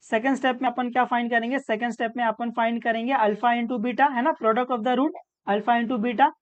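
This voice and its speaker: Woman maths tutor, kinda high voice, mix, asks herself questions as she goes, muffled lo-fi audio. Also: fairly even intonation, moderate pace. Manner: patient, asks and answers her own questions. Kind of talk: step-by-step maths lesson.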